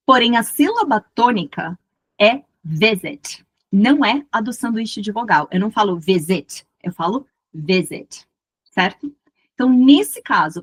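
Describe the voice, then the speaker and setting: A woman with a Brazilian Portuguese accent, teaching English grammar patiently and repeating each example slowly. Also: medium pitch, breathy edge. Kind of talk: explaining grammar rules.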